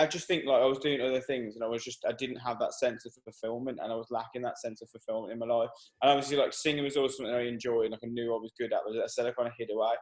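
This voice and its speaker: A man in his twenties from Birmingham, a guest singer-songwriter rambling casually in a radio interview with many fillers. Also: mid-range voice. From Birmingham, England. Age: 20s.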